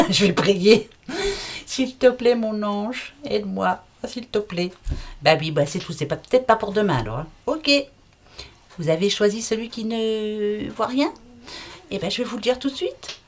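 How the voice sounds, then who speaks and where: A middle-aged woman giving a casual card reading to her viewers, chatty, familiar and reassuring, with everyday slang. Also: medium pitch. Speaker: card reader.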